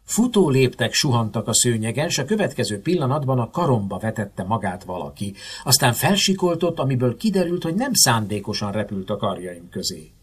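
Expressive male narrator for a first-person mystery audiobook; husky voice, animated and theatrical delivery. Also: medium pitch. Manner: expressive, dramatic storytelling.

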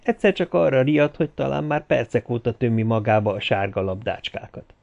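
A man narrating a novel as an audiobook in a steady storytelling delivery. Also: medium pitch, gravelly, highs cut off.

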